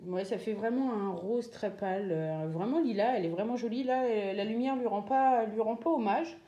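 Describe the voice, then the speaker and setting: A chatty woman walks through her craft purchases in a relaxed, hesitant way, full of fillers. Her voice is mellow and sits at a middle pitch. The room around her is echoey. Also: normal speed, dull audio. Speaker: craft vlogger. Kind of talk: casual show-and-tell.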